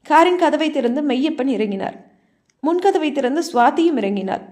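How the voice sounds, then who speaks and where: A woman's voice: sits high, normal speed. Woman narrating an audio novel. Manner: steady, storytelling. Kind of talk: scripted story narration.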